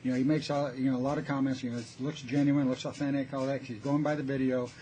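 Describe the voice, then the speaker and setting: A man's voice: medium pitch, level tone, fast, dark tone, low-quality recording. A man presenting in casual, unscripted, conversational talk, explaining things with a sceptical manner. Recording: noticeable background noise.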